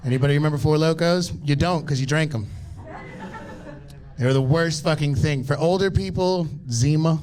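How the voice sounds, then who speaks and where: A man, telling profane, animated stories in a stand-up set and teasing the crowd. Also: a little high, moderate pace. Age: 30s. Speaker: stand-up comedian.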